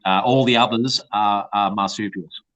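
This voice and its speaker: A man's voice: on the low side, steady tone, normal speed, fairly bright tone. A man heard over a conference call, explaining at length with many ums and uhs. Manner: long explanations, frequent uh and um. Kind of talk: casual chat. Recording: dull lo-fi call audio.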